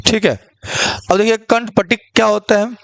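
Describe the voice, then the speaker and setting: A male teacher with a fairly high voice talks through an online lecture. He keeps asking the class questions and answering them himself, checking in often. The sound is dry and close, with no room echo. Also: steady tone, normal speed, creaky. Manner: repeats "ठीक है" often. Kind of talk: online exam-prep lecture.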